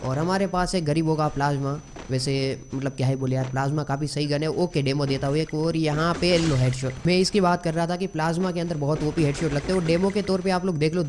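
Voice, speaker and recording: A man from India giving excitable gameplay commentary as a gaming YouTuber, mixing English slang into his talk. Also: fairly high pitch, a little hiss or hum. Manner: excitable, mixes English slang into Hindi, frequent exclamations.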